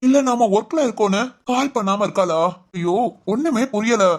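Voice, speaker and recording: A woman playing a gentle, encouraging middle-aged father in an amateur family drama, speaking in a fast, soothing way. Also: a little high, animated, lightly acted. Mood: worried.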